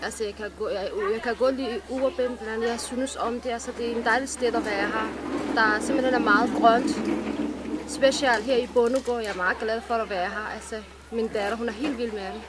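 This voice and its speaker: A woman's voice: on the high side, fairly even intonation, very noisy. A middle-aged woman, a resident and mother, speaking cheerfully outdoors in a vox pop interview with frequent fillers. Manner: cheerful, repeats "altså" as filler. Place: outdoors by a yellow house.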